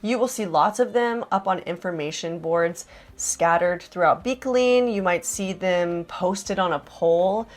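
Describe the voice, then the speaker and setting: Chatty young woman vlogger. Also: on the low side. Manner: chatty and enthusiastic, lots of "like". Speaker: vlogger host. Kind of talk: casual vlog narration.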